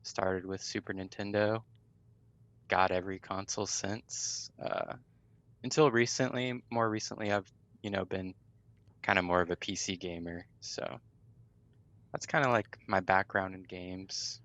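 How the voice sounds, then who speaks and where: A man in his late twenties from California chats as a podcast guest, relaxed and easygoing. His voice is low and unhurried. The sound is close and dry. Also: no echo. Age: 20s. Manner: chill, easygoing, laid-back. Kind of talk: casual podcast chat.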